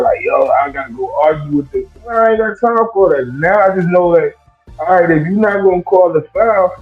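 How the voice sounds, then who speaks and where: Man on a tinny phone line, talking ball. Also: on the high side. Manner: relaxed, conversational, keeps asking "you know what I'm saying". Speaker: co-host, former player. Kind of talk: casual sports talk.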